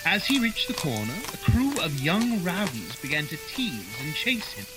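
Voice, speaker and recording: A man's voice: a little high, wildly swooping pitch, normal speed, poor audio. A man playing Doctor Watson, a chatty, naive sidekick and genial storyteller in a radio detective drama. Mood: warm storytelling. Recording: music behind the voice.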